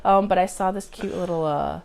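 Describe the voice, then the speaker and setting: A woman's voice: on the low side, brisk, gravelly, darkish tone. An American woman chatting casually as a podcast host, telling stories with quoted asides. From United States. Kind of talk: casual chat.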